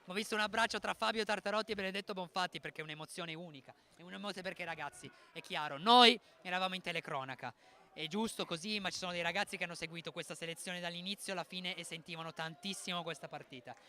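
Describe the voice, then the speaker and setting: A male football commentator calling a live youth final, talking with excited emphasis. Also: high-pitched, fast. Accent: Italian.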